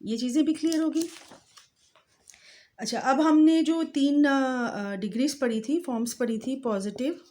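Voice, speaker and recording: A woman teaching English grammar in a patient voice-over, slowly spelling out word forms. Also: high voice, mellow. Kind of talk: grammar lesson explained over slides.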